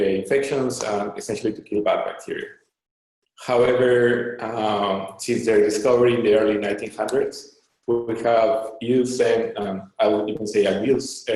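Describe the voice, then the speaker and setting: Man from Peru, thirties, halting speech, fillers, heavy room echo. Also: fairly low pitch, a little mellow. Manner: halting, many fillers and restarts. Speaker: startup co-founder, guest. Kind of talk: online Q&A interview. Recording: very echoey room.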